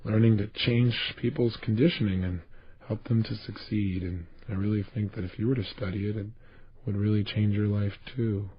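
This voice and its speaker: A man voicing a bored, worn-out working man who grumbles in a flat, low, listless way. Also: brisk, long pauses, slightly rough, dry recording, lo-fi sound. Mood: dispassionate.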